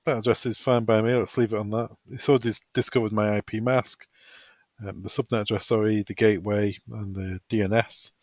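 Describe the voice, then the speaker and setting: A man with a lowish voice presents a product tutorial, giving an informal, practical step-by-step software walkthrough that's semi-improvised. No echo is heard.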